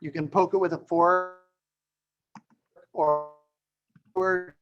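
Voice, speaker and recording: A man's voice: on the high side, fairly even intonation, takes it slowly, dull audio. A man teaching a live online cooking demonstration over a video call, explaining step by step while he works, his audio cutting in and out with uneven volume. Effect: audio cutting in and out, uneven volume over an unstable internet call. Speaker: cooking instructor.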